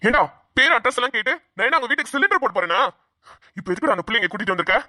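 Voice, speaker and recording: A woman voicing an angry middle-aged father in a cartoon, who shouts and mocks. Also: fairly high pitch, lively intonation, rapid-fire. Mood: scolding. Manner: shouting, scolding, mocking. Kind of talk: cartoon voice acting.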